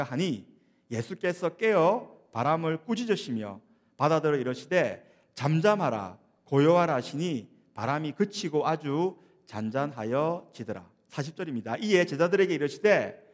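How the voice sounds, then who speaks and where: A man preaching a sermon as a pastor, speaking expressively and growing emphatic when he quotes scripture. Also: on the high side. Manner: expressive, rising to emphatic when quoting Jesus.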